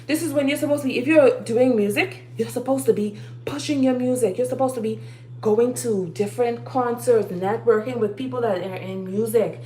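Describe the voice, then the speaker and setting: A woman's voice: on the high side, moderate pace, dark tone, slight background noise. Preachy woman in her thirties. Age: 30s. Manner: preachy, urging, repeats key phrases. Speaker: live streamer. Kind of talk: casual live-stream monologue giving life advice. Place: home kitchen while cooking.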